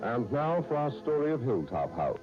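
A man announcing a 1930s radio serial in a smooth, measured announcer style, heard as an old radio broadcast. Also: mid-range voice, very animated. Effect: old radio broadcast sound. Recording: dull old radio recording, faint music.

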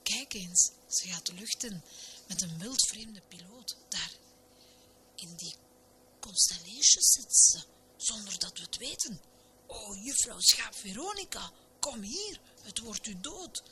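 A woman's voice: mid-range voice, animated, a little slow, close to an everyday voice. Whispered role-play: twittery old ladies voiced by a woman, noisy take. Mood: fussing. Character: chattering old spinster ladies, sentimental. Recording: noisy recording.

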